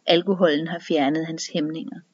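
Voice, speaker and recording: A woman narrating a story in an even, measured reading voice. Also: low voice, slightly rough. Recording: dull, dry lo-fi recording.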